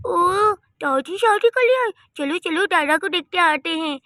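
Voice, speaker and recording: A woman voicing a cheeky, excited grandchild in a cartoon. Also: extremely high pitch, moderate pace, no echo, clean studio sound, exaggerated voice. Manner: giggly, excited.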